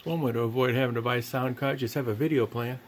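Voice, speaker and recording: A man's voice: mid-range voice, fairly even intonation, fast. A man chatting casually about a hobby in a folksy, wry way. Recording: noisy room recording.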